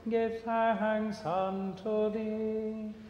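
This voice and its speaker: A man leading a liturgy as priest, chanting in a slow, even tone, heard with a cathedral echo in a large church. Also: sits high. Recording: echoey, dull church recording from afar.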